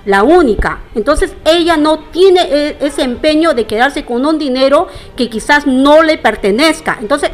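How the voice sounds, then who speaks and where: A middle-aged woman making an indignant, formal public statement, addressing her townspeople directly. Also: high-pitched. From Peru. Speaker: interviewee.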